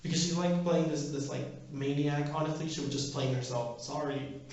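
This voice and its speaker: A man's voice: a little high, steady tone, moderate pace, darkish tone. Heavy bathroom echo, distant slightly muffled mic, young man, casual vlog storytelling, self-deprecating, rambling. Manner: self-deprecating, chuckles through rambling anecdotes. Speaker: vlogger telling personal stories. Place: bathroom, indoors.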